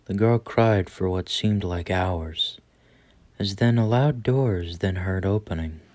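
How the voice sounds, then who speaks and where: Slow, low-voiced man narrating horror. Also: darkish tone, no echo. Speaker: storyteller. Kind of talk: scripted horror story narration.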